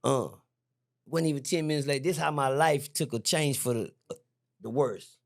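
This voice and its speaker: A middle-aged man, a podcast guest, telling a story in a lively, slangy way, repeating himself and jumping high when excited. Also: moderate pace, vocal fry. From Texas. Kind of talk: animated storytelling. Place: podcast studio.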